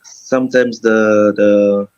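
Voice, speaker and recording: Slow, laid-back man on a phone mic. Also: lowish voice, fairly even intonation, a little mellow, smooth, dull audio. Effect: heard through a phone mic. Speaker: co-host. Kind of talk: casual chat.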